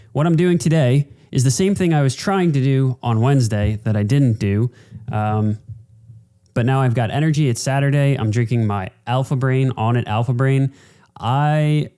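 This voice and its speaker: A man's voice: on the low side, warm tone, clear, resonant tone. A man hosting a casual solo podcast, talking in an informal, rambling, sweary way. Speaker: podcast host.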